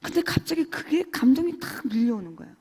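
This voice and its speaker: A woman giving an emotional church testimony, swinging between loud and hushed. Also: high-pitched, sing-song, quick pace, slightly rough. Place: church hall. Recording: long church hall reverb.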